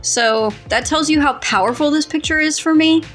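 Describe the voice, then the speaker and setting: A giggly young woman chatting casually on a podcast, her voice sitting a little high. She often breaks into laughter mid-sentence. Faint music runs underneath. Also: moderate pace, fairly bright tone. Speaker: co-host ranking her fictional crushes.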